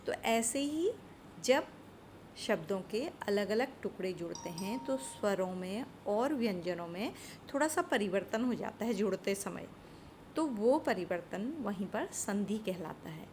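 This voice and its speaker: A woman teacher giving a Sanskrit grammar lesson to students, patiently asking questions and answering them herself, and chanting short rhyming rules slowly. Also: mid-range voice, animated, a little mellow, slight background noise.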